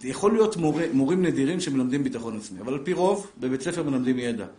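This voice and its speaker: A middle-aged man giving a live religious lesson, lively and joking, speaking straight to his listeners and acting out family scenes. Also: medium pitch. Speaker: Torah teacher. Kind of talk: live Torah lesson to an audience. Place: class room with a live audience. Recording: echoey room.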